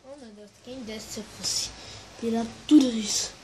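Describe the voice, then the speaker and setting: A woman vlogger giving casual, excitable commentary full of exclamations while she plays. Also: on the high side, moderate pace, slight background noise, rough recording. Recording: loud music playing over the voice.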